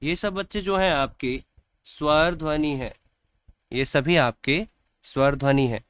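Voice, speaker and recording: A man's voice: on the high side, a little slow, fairly bright tone, clean tone, dry recording. A man teaching an English grammar lesson to children, repeating words and asking them questions.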